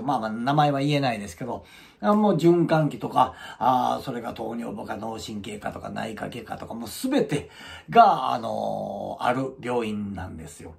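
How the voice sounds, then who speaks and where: A man's voice: mid-range voice, vocal fry. A middle-aged man telling a story casually as a channel host, acting out the people in it. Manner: animated, acts out quoted voices.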